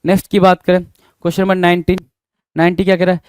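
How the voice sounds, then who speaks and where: A man's voice: high-pitched, completely flat delivery, quick pace, darkish tone, smooth, no echo. A man with a Hindi accent teaching an English spelling lesson, spelling words out letter by letter and repeating them. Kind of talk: spelling lesson, explaining answers.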